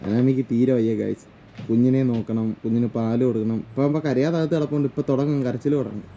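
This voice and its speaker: A man's voice: medium pitch, steady tone, fast talker, mellow, slight background noise. A young man from chatting casually to his viewers in a home vlog, teasing and talkative. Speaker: vlogger. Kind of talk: casual family vlog chat.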